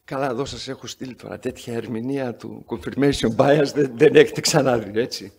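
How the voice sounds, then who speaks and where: A man's voice: mid-range voice, vocal fry, a little mellow, slightly rough. A man chairing a medical conference session, giving an introduction full of sarcastic, wry anecdotes. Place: conference hall.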